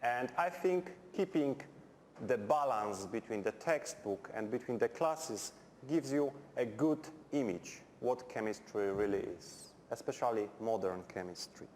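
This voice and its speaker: A Polish chemistry lecturer gives a university lecture in English, his second language, with a noticeable Polish accent and a blunt, direct style of dry humour and simple phrasing. His middle-pitched voice is expressive, a little mellow, and measured in pace. Long lecture-hall reverb sits over a faint background hum.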